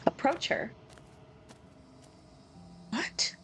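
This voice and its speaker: A woman's voice: extremely slow, a bit bright, a little hiss or hum. A woman streaming a game with playful, casual commentary, reacting aloud and reading text as she goes.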